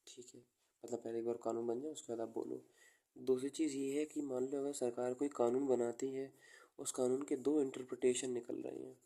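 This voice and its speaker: A man teaching an exam coaching class, explaining with everyday examples and dictating notes slowly. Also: mid-range voice, level tone, gravelly, warm tone. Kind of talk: classroom lecture.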